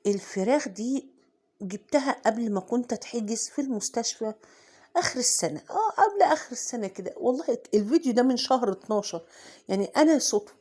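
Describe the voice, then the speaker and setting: A woman's voice: fairly high pitch, expressive, fast, warm tone. A middle-aged woman with an Egyptian accent, chatting in a casual home vlog with dramatic, self-mocking comic laments. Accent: Egyptian Arabic. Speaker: vlogger.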